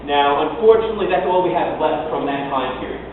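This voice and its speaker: A man's voice: a little high, expressive, fairly quick. A man giving an explanatory spoken lecture as a fencing instructor, recorded from afar in a large, echoey room. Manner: explanatory, acting out short quotes. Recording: echoey hall, distant mic, tinny, noisy.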